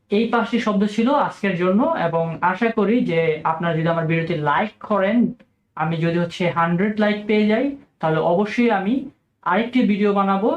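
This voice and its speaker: A man from Bangladesh, teaching English pronunciation in a video lesson and repeating each example word slowly and deliberately. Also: sits high. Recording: echoey room.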